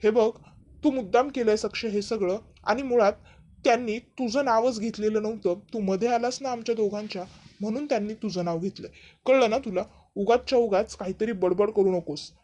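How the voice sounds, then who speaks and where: An agitated young man, scolding in a raised, sharp voice, put on by a woman retelling a Marathi TV serial. The voice climbs higher and louder than her narration, and the words come fast and clipped. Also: close to an everyday voice.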